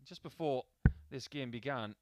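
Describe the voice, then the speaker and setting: A man's voice: medium pitch, measured pace, background noise. A man giving live darts commentary in a chatty, anecdotal way, mixing statistics with personal asides.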